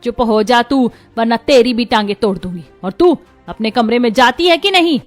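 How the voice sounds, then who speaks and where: Woman playing cartoon mother-in-law, strict, scolding, commanding, high-pitched, faint music behind. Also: expressive, normal speed, natural voice. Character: strict but caring middle-aged mother-in-law.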